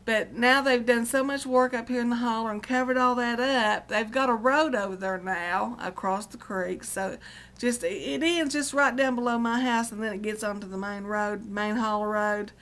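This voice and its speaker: A woman's voice: a little high, normal speed, a bit bright. A middle-aged woman with an Appalachian accent from West Virginia, chatting casually as a vlogger in a folksy, colloquial, meandering way. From Appalachian West Virginia, United States. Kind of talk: casual rambling chat to viewers.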